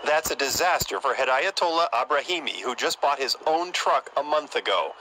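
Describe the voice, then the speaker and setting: Outdoors at a truck yard, an older man reports for TV news with a handheld microphone, narrating and conducting interviews in an emphatic reporter's rhythm. The poor-quality audio carries slight background noise, and his mid-range voice sounds animated, pushed and bright at a normal speed.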